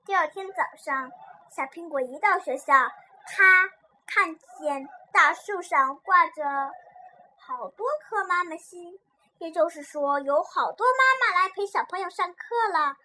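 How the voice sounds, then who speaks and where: A woman reading a children's story aloud in a lively, expressive way. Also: very high-pitched, measured pace, a little hiss or hum.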